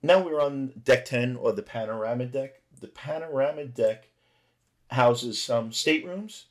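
A middle-aged man giving a relaxed, conversational voice-over narration for a cruise ship tour vlog. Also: medium pitch, unhurried. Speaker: travel vlogger.

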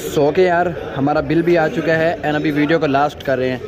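This young food vlogger has a Pakistani accent, a fairly high voice and a steady tone, and he moves briskly as he casually reviews dishes, slipping in English words. Loud crowd chatter fills the big indoor restaurant around him.

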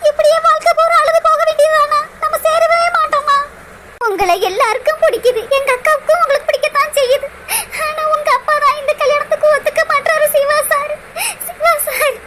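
A woman's voice: extremely high pitch, brisk. Woman doing a weeping lovesick young woman. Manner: tearful, pleading and sobbing. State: crying. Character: heartbroken young woman pining for her love. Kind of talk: cartoon voice acting. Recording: loud background noise.

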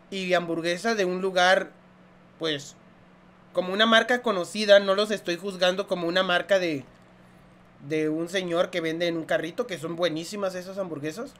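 A man's voice: sits high, steady tone, normal speed, fairly bright tone. Young Mexican-accented man, food vlogger, jokey and foul-mouthed, chewing and humming between bites. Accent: Mexican Spanish. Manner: joking, slangy and profane, chews between lines. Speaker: food reviewer. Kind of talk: casual eating review vlog.

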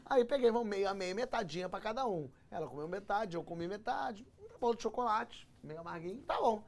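A man's voice: high-pitched, a little fast. A man hosting a show, telling a comic story and acting out the dialogue. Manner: lively, acts out dialogue. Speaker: host.

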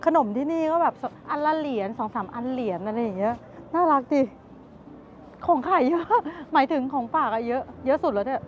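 A travel vlogger in her thirties, high-voiced and animated, talks fairly quickly as she samples snacks and explores a market. She keeps up a chatty commentary for her viewers in this casual food vlog. Recorded outdoors with a handheld camera at arm's length, the sound is muffled and carries street noise.

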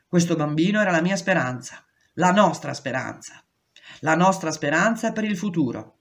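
Steady woman reading a memoir aloud. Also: on the low side, normal speed. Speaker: reader.

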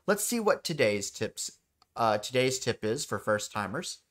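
Very animated yet a little slow, a man with a mid-range, slightly bright voice demonstrates a game in instructional style. His step-by-step tutorial narration explains the controls and repeats the key points.

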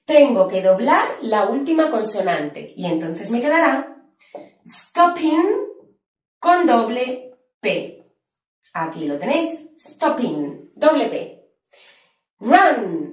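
Lively Spanish teacher, echoey room. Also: female voice, on the high side. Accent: Spain. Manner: upbeat, chatty, addresses viewers directly. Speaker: English teacher. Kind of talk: online grammar lesson.

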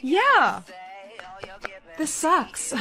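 A woman's voice: high voice, huge pitch swings, drawn-out words, bright, forceful tone. A woman acting in a comedy skit with a dry, grumbling delivery.

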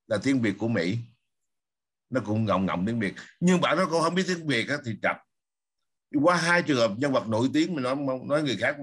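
A man's voice: mid-range voice, fairly bright tone. Man, talk show host, emphatic, rhetorical questions, casual political chat. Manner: emphatic, asks and answers his own questions.

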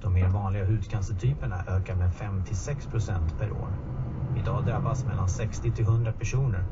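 A man reading a radio news bulletin in a measured, formal way, heard from a radio in a truck cab. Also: fairly low pitch, steady tone, recorded from a distance. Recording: muffled radio playing in a truck cab with loud road noise.

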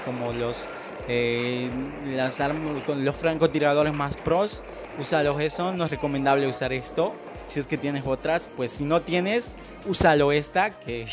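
Young guy, slightly high voice, game host talking his viewers through a match, chatty and prone to yelling and laughing, loud game music underneath. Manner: chatty, addresses viewers as "chicos", bursts into shouts and laughter. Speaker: gaming channel host. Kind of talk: casual gameplay commentary.

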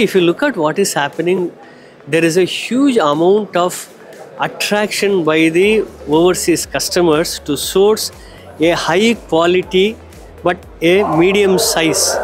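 Indian executive at a busy expo booth. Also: male voice, high-pitched. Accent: Indian English. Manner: confident, explains products by pointing to them. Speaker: company executive. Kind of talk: trade show interview. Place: busy exhibition hall booth. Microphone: handheld microphone.

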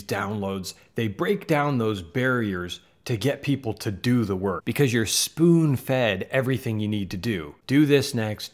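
A man in his thirties from the Southern United States, with a Midwestern accent and a lowish voice, hosts a magic channel from a small home studio. He talks casually and earnestly to camera, conversational and gesturing with his hands. A studio mic on a boom sits in front of him.

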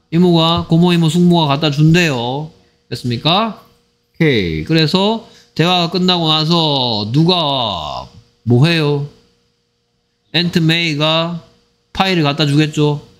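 Slow-paced Korean English teacher checking students. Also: male voice, a little high, fairly bright tone. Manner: repeats "됐습니까?" to check understanding; slow, drawn-out delivery of English phrases. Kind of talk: exam-prep English lesson.

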